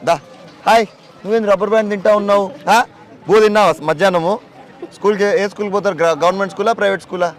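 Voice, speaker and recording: A man, a politician touring a village outdoors, talking casually with villagers and children in a brisk, commanding, playful way. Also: high voice, steady tone.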